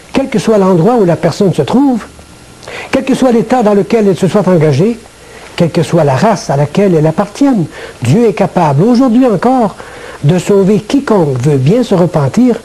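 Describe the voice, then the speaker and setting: Older quebec guy, ex priest, slow earnest testimony, kinda husky. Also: high voice, lively intonation, warm tone, rough recording. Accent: Québécois French. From Quebec, Canada. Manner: measured, earnest, deliberate. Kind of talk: scripted personal testimony to camera. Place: small TV studio set.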